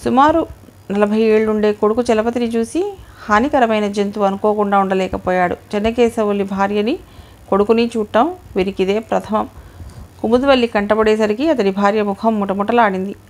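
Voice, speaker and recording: A woman's voice: medium pitch, moderate pace. Woman reading an audio novel. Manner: steady storytelling. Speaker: audiobook reader.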